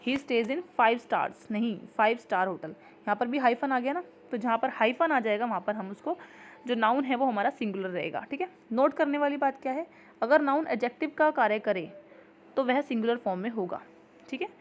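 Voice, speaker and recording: A woman teaches grammar for an exam-prep class, explaining patiently and reading example sentences slowly. Her voice sits on the high side and is expressive.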